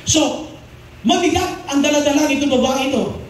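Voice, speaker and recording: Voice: high-pitched, normal speed, slight background noise. A pastor preaching a sermon in a mix of Tagalog and English, who often asks the congregation questions and repeats key phrases. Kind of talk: Taglish sermon. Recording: very echoey hall, mic far off.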